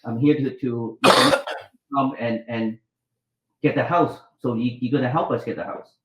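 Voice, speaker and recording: A middle-aged Vietnamese doctor and author, appearing as a guest in a storytelling interview, speaks unhurriedly in a steady, medium-pitched voice. His anecdotes ramble, with restarts and acted-out dialogue. Heavy background noise, a roomy echo, and muffled sound mark the recording.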